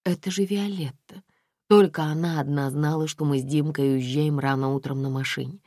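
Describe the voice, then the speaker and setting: Woman reading a guarded young heroine, quiet clipped lines, low voice, dry studio sound. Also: fairly even intonation, normal speed, no room sound. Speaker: audiobook reader.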